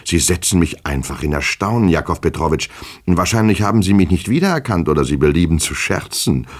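Give me a man voicing a jittery official who stumbles over his words, husky. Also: deep voice, sing-song, fairly quick. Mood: pleading. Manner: stammering, pleading, rambling. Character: nervous, fawning male official, anxious and flustered. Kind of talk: audiobook character reading.

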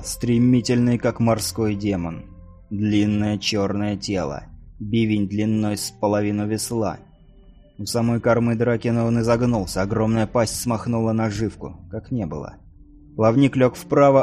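A man narrates an adventure novel in a measured, deliberate reading and leans into the tense moments. His voice sits fairly low, and faint music plays underneath. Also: warm tone. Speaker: audiobook narrator. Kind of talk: scripted narration.

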